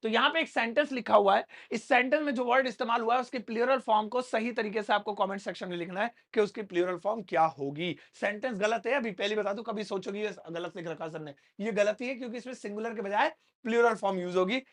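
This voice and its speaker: A man's voice: high voice, quick pace, few pauses. Playful man teaching English. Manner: playful, lively, joking asides to students. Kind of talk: spoken English lesson in Hindi. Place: classroom.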